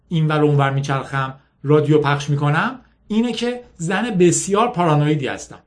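A man's voice: fairly high pitch, lightly acted. A man voicing a shrewd, paranoid young woman who runs a radio broadcast, speaking in a teasing, self-assured and commanding way in a storybook reading.

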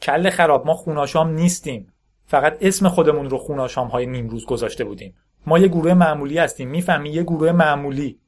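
A man voicing a terrified male gang boss who shouts and pleads in panic. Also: on the high side, pitched above the performer's own voice, natural voice. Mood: frantic. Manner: shouting, frantic, pleading to be believed.

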